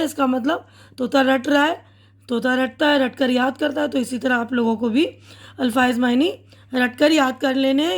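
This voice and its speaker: A woman teacher patiently explaining a children's poem line by line, often checking in with her pupils and reading verses slowly. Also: sits high. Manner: patient, repeats and asks "hai na"; reads poem lines slowly.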